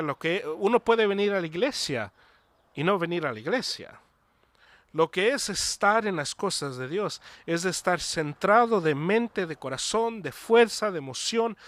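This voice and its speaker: A man's voice: sits high, a bit bright, no room sound. A man preaching a sermon earnestly, repeating himself and restarting phrases, with an English word slipped in now and then. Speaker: pastor.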